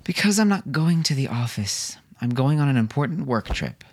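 A man's voice: mid-range voice, sing-song, moderate pace, a little mellow, voice pushed up. A man reading an audiobook, voicing a patient, weary soldier father who jokes with his family.

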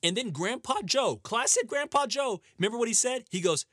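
A man ranting sarcastically in a lively, animated way, recorded close and dry. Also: very high-pitched, a little fast, no room sound. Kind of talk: comedic rant.

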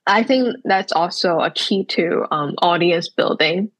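A young woman from Hong Kong talks as a guest on a percussion podcast. Her voice sits on the low side and has a husky edge. She speaks thoughtfully, stopping often to gather her words. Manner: thoughtful, with frequent "um" pauses. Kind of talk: casual podcast interview.

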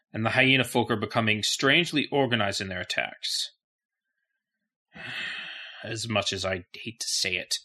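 Man playing a stern, low-voiced hobgoblin soldier. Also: sharp tone. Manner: commanding, formal warnings. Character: stern, wary hobgoblin soldier of a mercenary legion.

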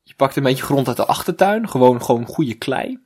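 A man's voice: mid-range voice, fairly quick, husky. A man, co-hosting a casual comedic chat, joking and laughing often. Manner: animated, joking, laughs often, puts on voices in anecdotes. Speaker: podcast co-host.

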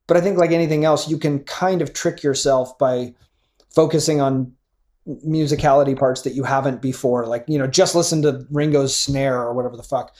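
Middle-aged male co-host, chatty and animated, swears casually, wanders mid-thought. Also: mid-range voice, moderate pace. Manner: animated, profane, rambling with fillers. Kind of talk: casual chat about music.

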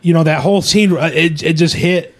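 A man's voice: on the high side, steady tone, fairly quick. A man in casual conversation, rambling and filling his talk with "you know". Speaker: podcast co-host. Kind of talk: casual movie discussion.

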